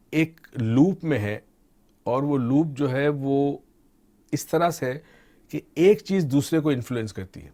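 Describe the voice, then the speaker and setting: A middle-aged man explaining ideas to a host in an unhurried teaching way, slipping English terms into his talk. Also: mid-range voice. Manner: calm teaching tone, mixes English terms into Urdu. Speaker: expert guest on motivation and mind training. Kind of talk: explanatory discussion.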